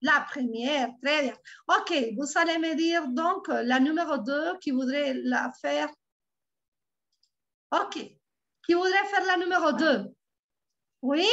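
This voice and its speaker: A woman with a Colombian Spanish accent, a native Spanish speaker, tutoring French over a video call. She repeats words slowly and patiently. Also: high-pitched, sharp tone. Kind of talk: online language lesson. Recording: dull lo-fi online call audio.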